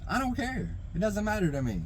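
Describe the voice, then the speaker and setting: A man's voice: high voice, very animated, brisk, low-quality recording. Exasperated, sweary man ranting over background noise. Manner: exasperated, rambling, profanity-laden ranting; repeats and stammers over phrases while hunting for words. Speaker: knife review vlogger. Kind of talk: unscripted opinion rant to camera.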